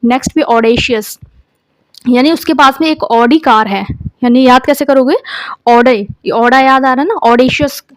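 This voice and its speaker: A woman teacher with an Indian accent and a high voice gives an exam vocabulary lesson at normal speed, spelling words letter by letter and using memory tricks. There's no echo on the recording.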